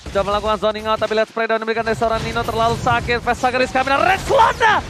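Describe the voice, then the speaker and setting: A man with an Indonesian accent calling an esports match play-by-play like a fighting game announcer, with dramatic, drawn-out exclamations and catchphrases. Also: very high-pitched, background noise.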